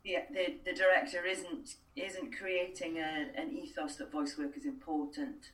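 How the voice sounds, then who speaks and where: Here a Welsh-speaking voice and accent coach responds to interview questions conversationally, often backtracking and filling pauses. She speaks a little slowly in a low, fairly bright voice with flat delivery, captured with distant, roomy sound.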